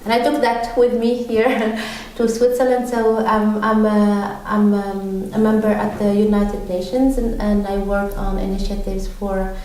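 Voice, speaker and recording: A woman's voice: mid-range voice, little pitch movement, unhurried, hardly any pauses, dark tone. Woman, from Tunisia, podcast guest, hesitant, lots of ums, far from the mic, very echoey room. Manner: hesitant, many ums and restarts. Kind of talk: conversational interview answers.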